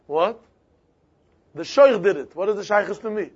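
A Talmud teacher with a strikingly high voice and a Yiddish accent leads an interactive lesson, arguing his way through it with repeated rhetorical questions in yeshiva idiom. He speaks at normal speed with a slightly rough voice, and the recording is dull and lo-fi.

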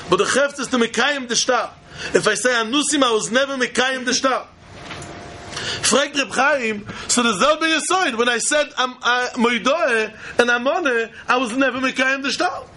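A man's voice: very high-pitched, bright, forceful tone, a little hiss or hum. A man with a Yiddish accent teaching Talmud in a repetitive, questioning, argumentative way. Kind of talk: religious study lecture.

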